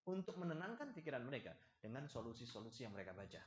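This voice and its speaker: A man giving a religious study lecture in a lively, joking manner, speaking to a gathered audience. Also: medium pitch, very fast. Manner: lively, acts out little dialogues and jokes with the audience. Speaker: preacher giving a study lesson. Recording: echoey, slightly dull hall recording.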